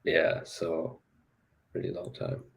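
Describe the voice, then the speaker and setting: A young man from Malaysia chatting casually on a coding livestream, relaxed and full of likes and ums. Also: low-pitched, takes it slowly, creaky, breathy edge. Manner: relaxed, filler-heavy with like and um. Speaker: junior developer on the stream.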